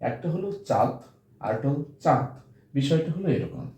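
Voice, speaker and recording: A man's voice: fairly high pitch, very animated, creaky, dark tone. Man teaching in an echoey room. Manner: explains slowly, repeats example words aloud. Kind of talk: classroom lesson on pronunciation.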